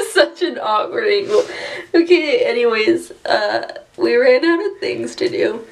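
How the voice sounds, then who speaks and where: A woman's voice: fairly high pitch, expressive, takes it slowly, vocal fry, slight background noise. A young woman vlogging casually at home, laughing her way through a challenge. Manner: giggly, talks through constant laughter. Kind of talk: casual vlog chat. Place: small room at home, indoors.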